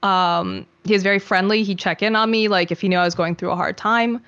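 A woman's voice: mid-range voice, fairly even intonation, fairly quick, fairly bright tone, smooth, dry recording, dull audio. A woman speaking candidly in a conversation, with lots of fillers, sometimes quoting her past self.

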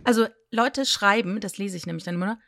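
A woman's voice: mid-range voice, fast, gravelly, no echo, clean studio sound. A woman co-hosting a casual podcast chat, pedantically correcting spellings and pronunciations, spelling words out letter by letter, and joking at her own expense. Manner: self-deprecating and animated when explaining. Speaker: podcast co-host.

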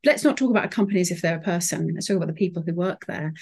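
A woman's voice: lowish voice, rapid-fire, a little mellow, breathy edge. A woman speaking as an interview guest, articulate, with frequent fillers and restarts. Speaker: sustainability consultant, guest. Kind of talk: interview conversation.

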